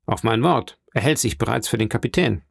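A man's voice: mid-range voice, lively intonation, a little fast, gravelly, no echo, studio quality. A man reading the part of a scheming, envious ship's clerk in an audiobook, sly and insinuating.

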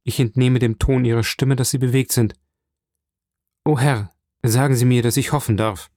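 A man's voice: medium pitch, fairly even intonation, moderate pace, a little mellow, no echo, studio quality, lightly acted. A man voicing a young sailor held in prison, pleading with passion for a trial in an audiobook reading. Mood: urgent imploring. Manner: impassioned, imploring.

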